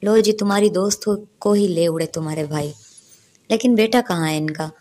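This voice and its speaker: A woman voicing a cheeky, sharp-tongued young woman in a storybook reading, muttering sarcastic asides. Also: medium pitch, normal speed, close to an everyday voice.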